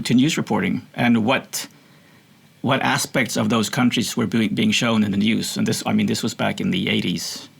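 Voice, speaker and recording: A man's voice: mid-range voice, creaky, husky. A Swedish man with a somewhat American accent, a guest in an interview, telling his story in an earnest, reflective way. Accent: American-sounding, from international schools. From Sweden. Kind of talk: conversational interview.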